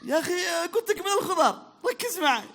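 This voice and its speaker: Saudi guy hosting a crowd quiz, really bright sharp voice, upbeat and teasing. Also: very high voice, sing-song, quick pace. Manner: upbeat, teasing, repeats praise and calls to the crowd. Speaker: quiz host at a public event.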